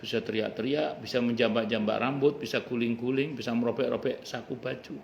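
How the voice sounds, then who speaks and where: Gravelly-voiced male religious teacher. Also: medium pitch, fairly even intonation, a little fast, a little hiss or hum. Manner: conversational and joking, quotes Arabic verses. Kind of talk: informal religious study talk. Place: private home gathering. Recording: roomy home recording with faint ambience.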